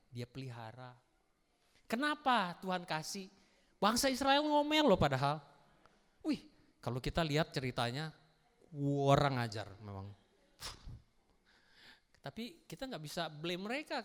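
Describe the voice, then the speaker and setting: A male pastor preaching in a playful, animated way, slipping English into his sermon. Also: sits high. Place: church hall. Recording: long reverb church hall.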